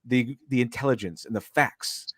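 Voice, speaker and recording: A man's voice: medium pitch, moderate pace, slightly rough, dry recording, studio quality. Sarcastic man on a livestream. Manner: mocking, sarcastic, laughs often. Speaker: streamer and co-host. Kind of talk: casual livestream chat.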